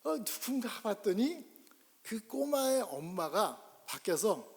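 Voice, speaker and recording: Animated high-voiced male pastor. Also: takes it slowly, gravelly. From South Korea. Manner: animated, acts out scenes. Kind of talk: sermon storytelling. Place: church sanctuary. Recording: long church reverb.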